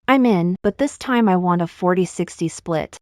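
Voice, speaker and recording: An actress playing a shrewd young business partner who speaks briskly and practically in a dubbed drama. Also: female voice, fairly low pitch, lively intonation, mellow, dry recording, studio quality, lightly acted. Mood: eager.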